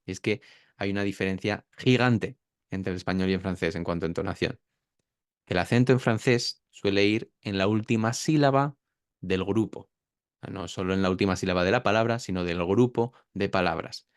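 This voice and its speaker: A pronunciation teacher being interviewed explains pronunciation, lengthening words to demonstrate the sounds. His low voice has a clean tone, and he speaks at a moderate pace. The recording is studio quality, with no room sound.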